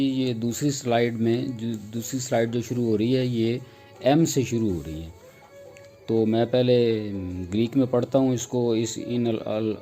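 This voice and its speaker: A man's voice: mid-range voice, warm tone. A man teaching a language lesson from slides, explaining patiently step by step with examples.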